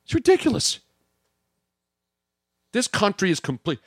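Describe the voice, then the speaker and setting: A man's voice: sits high, a little slow, breathy edge, no room sound, studio quality. A man hosting a sports radio talk show, joking and ranting in casual banter with his co-host. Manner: brash, joking, animated rants.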